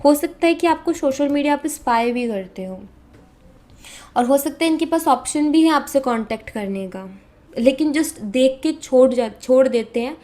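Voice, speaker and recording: A woman's voice: sits high, animated, moderate pace, mellow. Chatty Indian woman tarot reader. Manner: conversational, mixes English into Hindi, frequent fillers. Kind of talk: casual tarot reading to viewers.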